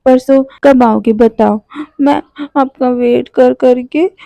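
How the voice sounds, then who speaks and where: Whiny, clingy young man voiced by a woman, high and mellow. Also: steady tone, slow pace, creaky, no room sound, exaggerated voice. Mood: whiny pleading. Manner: whiny, pleading. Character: clingy, pouting young man crying for his uncle. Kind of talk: storytelling voice acting.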